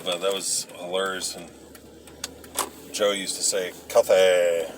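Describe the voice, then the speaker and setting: A man casually rambling through old memories, halting and hesitant as he searches for details. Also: sits low, level tone, sharp tone. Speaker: vlogger recounting memories. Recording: noisy, with vehicle and ambient sound.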